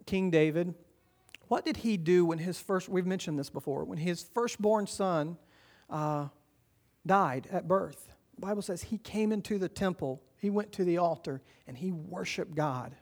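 A man preaching a sermon as pastor, earnest and encouraging, swinging between loud urging and quiet, hushed lines. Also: high-pitched, measured pace. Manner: earnest, encouraging, rises and drops in volume.

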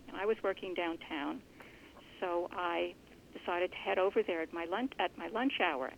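A woman with a gravelly, creaky voice talks earnestly through her answers in an interview. She is thoughtful and restarts a phrase now and then as she explains. The recording is muffled and lo-fi, with a faint hiss behind her. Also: lowish voice. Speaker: genealogist guest.

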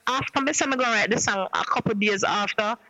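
A woman with a Jamaican accent, calling in as a guest singer and telling a story in lively patois. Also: fairly high pitch, a little fast, poor audio. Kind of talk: casual call-in chat.

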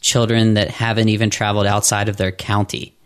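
A man with a low voice asks earnest podcast interview questions. He reads out statistics in a steady way. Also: a little fast, clear, resonant tone. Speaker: podcast co-host.

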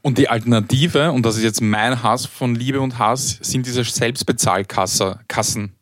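A man's voice: mid-range voice, measured pace, no echo, studio quality. A young man with a Viennese accent, co-hosting a casual chat and ranting bluntly about everyday annoyances with some swearing. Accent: Viennese German. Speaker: podcast co-host.

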